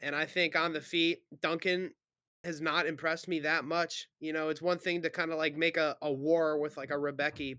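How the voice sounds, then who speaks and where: A man's voice: fairly high pitch, sharp tone, no room sound. A man thinking aloud through fight predictions in casual chat, hedging and correcting himself.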